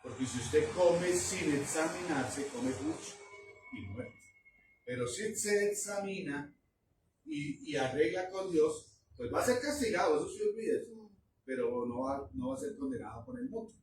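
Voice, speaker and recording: A man's voice: on the high side, lively intonation, measured pace, darkish tone, slight background noise. A man preaching a sermon to a church congregation, exhorting and asking his listeners questions. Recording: echoey room, voice from far off.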